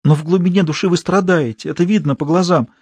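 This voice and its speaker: A weepy, melodramatic young actress, voiced by a male audiobook reader, pouring out raised, loud lament in a higher, lifted register. She gushes and declaims as if on stage. The dry, close sound has no room around it. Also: fast talker, breathy edge, no room sound. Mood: tearful theatrical. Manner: gushing, exclamatory, sobbing declamation. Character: melodramatic young actress wife, tearful and theatrical. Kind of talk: audiobook character voice.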